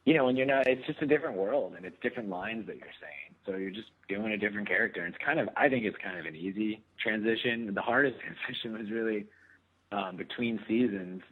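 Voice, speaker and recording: A man in his thirties talks casually as an interview guest. He rambles through plenty of fillers and laughs easily. His slightly low, husky voice comes through a thin, phone-like line. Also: expressive, quick pace. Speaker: guest actor.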